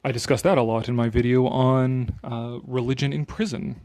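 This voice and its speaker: A man's medium-pitched voice, dark in tone and steady, moves at normal speed as he sarcastically and dramatically reads an article aloud. Between passages he adds his own opinionated, mocking, casual commentary with occasional swearing.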